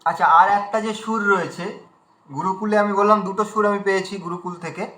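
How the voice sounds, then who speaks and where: Patient teacher man, bright and high. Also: fairly even intonation, roomy sound, slight background noise, poor audio. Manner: patient, repeats words very slowly to demonstrate; often checks understanding with a question. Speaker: recitation teacher. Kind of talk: online class teaching. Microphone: video call.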